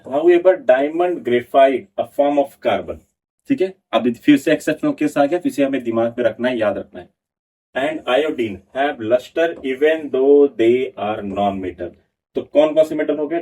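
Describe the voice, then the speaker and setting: Male teacher, husky voice, mid-pitched. Reads notes slowly and answers his own questions. Recorded slightly distant from the mic. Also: warm tone. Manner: reads English notes slowly, then explains in Hindi; asks the class questions and answers them himself. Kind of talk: exam prep lecture.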